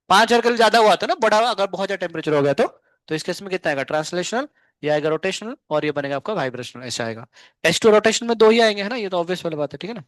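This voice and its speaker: Physics teacher guy, high-ish voice, asks then answers his own questions, dry sound. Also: fairly bright tone, dry recording. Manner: asks questions and answers them himself, then slowly dictates notes. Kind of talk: classroom lecture. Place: classroom.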